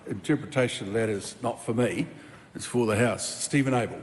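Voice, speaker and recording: A man presides over parliament with terse, offhand calls and rulings. His mid-pitched voice echoes around a big hall. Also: fairly quick, slight background noise. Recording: long chamber reverb.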